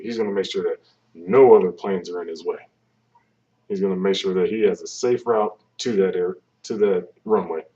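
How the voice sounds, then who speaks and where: A low-pitched man with a dark tone presents on air traffic control, walking through the topic step by step in a plain, conversational explainer style. He's picked up by a webcam microphone set some distance away, so the sound is distant and dull.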